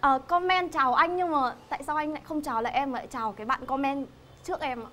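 A woman's voice: high voice, fast, bright, forceful tone, slight background noise. A young woman with a Northern Vietnamese accent, a game show contestant answering politely and deferentially. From Hung Yen, northern Vietnam. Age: young adult. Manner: polite, addressing host deferentially.

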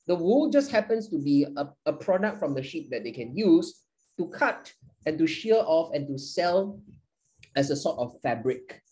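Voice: mid-range voice, very animated, moderate pace, dark tone, low-quality recording. Playful teacher. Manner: playful, jokey, counts down answers. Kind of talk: live online English class. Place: online class.

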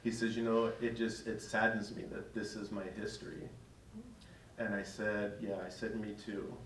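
Telling a story to his parish in a church hall, a middle-aged priest speaks conversationally and chuckles, his lowish, fairly bright voice mostly monotone at a normal speed. An audience listens, and the distant-mic recording is echoey with slight background noise.

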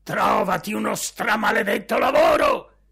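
A man voicing a gruff, hot-tempered, scornful father who barks his lines loudly. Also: sits high, animated, a little slow, voice pushed up, heavily acted. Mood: shouting. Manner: loud, barking and contemptuous.

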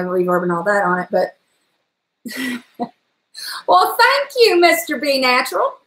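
Her voice sits on the high side, big and trained, as this middle-aged woman livestreams from her kitchen at home. She's chatty and animated, gesturing and bursting into song during the casual chat. Picked up by a desk-distance webcam, the recording is rough and reverberant.

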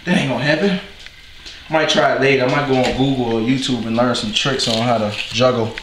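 Cooking in his home kitchen, a man from New Orleans with a local accent chats and jokes with viewers in a slangy, rambling way as a cooking video host. His voice is medium-pitched, fairly even and fairly quick, recorded in an echoey room with clear noise.

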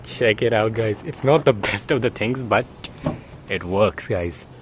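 A young man with a somewhat low voice chats excitedly into a handheld phone from inside a car blanket fort. He keeps calling out to his viewers as guys. Faint noise and clicks sit under the close phone sound. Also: unhurried. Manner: chatty, says guys constantly, excited. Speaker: vlogger. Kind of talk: casual vlog narration. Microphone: handheld phone camera.

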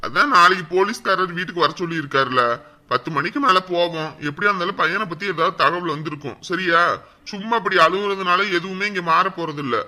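A firm, reassuring husband. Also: male voice, high voice, fairly quick, pushed and bright. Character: steady village husband calming his wife. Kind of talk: village web-series drama.

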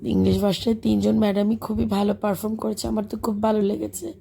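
Her voice gone from illness, a Bangladeshi teacher and vlogger talks fast over her footage in a voice-over recorded on its own, her medium-pitched delivery flat, husky, dark and heavily gravelly. She rambles warmly about the children, chatty and full of fillers.

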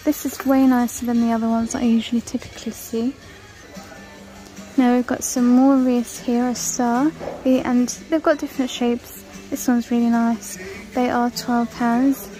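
A woman's voice: fairly high pitch, little pitch movement, moderate pace, mellow, soft background music, rough recording. A woman casually walking through a large store, chatting and listing prices as she films on her phone. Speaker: shopping vlogger. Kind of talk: casual shop-with-me walkthrough. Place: large indoor retail store. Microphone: handheld phone camera.

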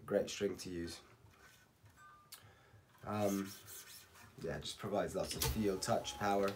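A man in his thirties, slightly hoarse from losing his voice, calmly talking through a how-to tutorial step by step and counting aloud. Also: low-pitched, takes it slowly, slight background noise. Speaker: racket stringing instructor. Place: home workshop at night. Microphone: camera on a tripod.

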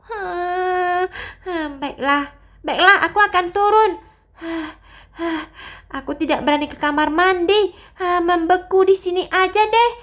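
A timid little girl, as voiced by a woman, whimpers and gasps in panic through a voice-acted game role-play. The voice sits extremely high. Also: unhurried, fairly bright tone. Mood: frightened.

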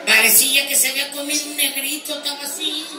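A stand-up comedian performs a live comic monologue as a naive, boastful rural ranch hand with a Mexican accent, using a high squeaky voice. He speaks fast with fairly even intonation, cheekily delivering bawdy punchlines and bursting into shouted outbursts. The recording comes from far off in a roomy live venue, with crowd and noise.

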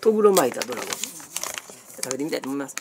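Middle-aged snack-review vlogger, Kansai accent, colloquial and animated, mid-pitched, small noisy room. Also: fast. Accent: Kansai Japanese. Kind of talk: casual snack-review vlog chat. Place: small cluttered room indoors. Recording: clearly noisy room recording with clicks.

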